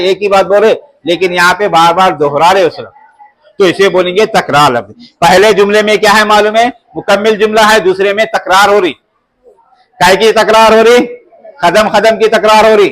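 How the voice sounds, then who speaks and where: A man teaching an Urdu revision lesson to a class, speaking slowly and deliberately and asking his students the same questions again and again. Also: high-pitched, a bit bright, rough recording.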